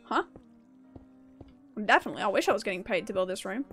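A young woman streams a game and chats casually with viewers, upbeat and laughing often. Her mid-range voice has lively intonation, she talks fast, and faint music plays behind her.

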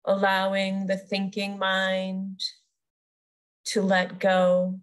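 At a medium pitch and in a monotone, a yoga nidra teacher guides a meditation. She speaks soothingly and without hurry, pausing between brief phrases.

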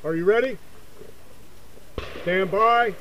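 A man working as a range officer, calling out loud, flat, formulaic safety commands at an outdoor shooting range. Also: high voice, slow pace. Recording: very noisy outdoor action-camera audio.

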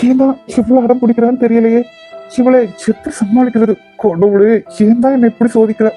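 A woman's voice: a little high, level tone, brisk, mellow, faint music behind, natural voice. A woman voicing a worried young husband in a cartoon drama, stern and pleading in Kanyakumari Tamil. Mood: stern worry. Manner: stern, pleading with his wife. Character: worried young husband, firm but loving.

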